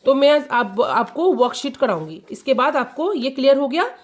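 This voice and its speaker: A woman's voice: high voice, expressive, moderate pace. A woman teaching an English lesson to children, often repeating key words and checking that they understand.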